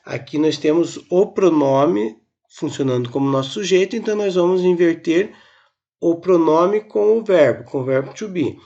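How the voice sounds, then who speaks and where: A man teaching a recorded grammar lesson, slowly explaining step by step and drilling examples, from Brazil. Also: fairly high pitch, expressive, creaky, warm tone, muffled recording. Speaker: English teacher.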